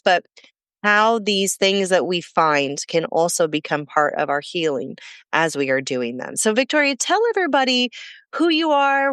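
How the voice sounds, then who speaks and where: Enthusiastic woman hosting a podcast, smooth voice, dry close mic. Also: mid-range voice, fairly bright tone, no room sound. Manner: upbeat, enthusiastic, quick bursts. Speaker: podcast host. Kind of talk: podcast interview.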